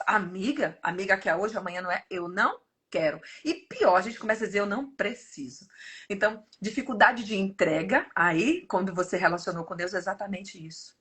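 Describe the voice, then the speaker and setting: Husky Brazilian woman giving a lively devotional talk. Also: medium pitch. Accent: Brazilian Portuguese. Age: 50s. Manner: animated, often turns to the audience as "gente".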